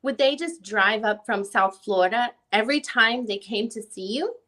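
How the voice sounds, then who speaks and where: Playing a methodical lawyer in a dramatic reading of a deposition, a woman asks formal, probing questions with care. Her voice is a little high, pushed, and bright.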